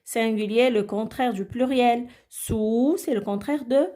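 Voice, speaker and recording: A woman's voice: fairly high pitch, unhurried, mellow. A woman teaching a grammar lesson to young children, patient and repetitive, often checking whether they follow. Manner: patient, repeats words and asks "d'accord?". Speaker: primary school teacher.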